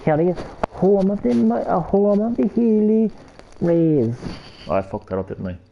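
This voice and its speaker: A man in his thirties from Ireland, with a Cork accent, livestreams a game and chats with his viewers in a jokey way, talking straight to chat. His voice is high-pitched, expressive, a little slow and creaky. The sound is lo-fi, with a little hiss or hum.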